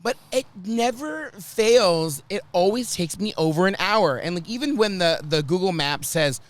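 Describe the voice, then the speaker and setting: A hungover man hosting a casual chat show, sounding rough as he tells animated, self-mocking stories and acts out what people said. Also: high voice, measured pace. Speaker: talk show host. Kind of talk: casual chatty storytelling.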